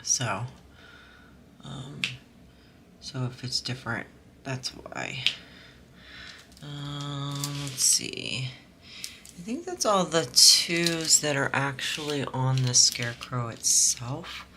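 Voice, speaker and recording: A woman with a slightly hoarse, scratchy throat, chatting casually and softly while she works on a craft project. She rambles, with lots of fillers and restarts. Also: rumbling low, animated, slow pace. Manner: soft-spoken and rambling, with many fillers and restarts. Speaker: diamond painting vlogger.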